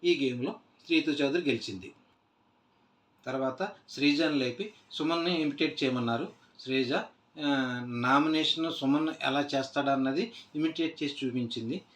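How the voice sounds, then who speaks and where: A man casually recapping a reality show episode, retelling scenes loosely with many "aa" fillers and restarts. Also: medium pitch. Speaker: TV show reviewer. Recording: echoey room.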